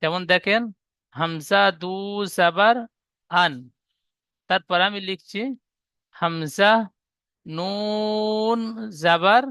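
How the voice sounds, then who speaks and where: High, bright-voiced male teacher. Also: steady tone, drawn-out words, long pauses, clean tone, no room sound. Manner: patient, repetitive step-by-step explaining. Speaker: Quran reading teacher. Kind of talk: online reading lesson.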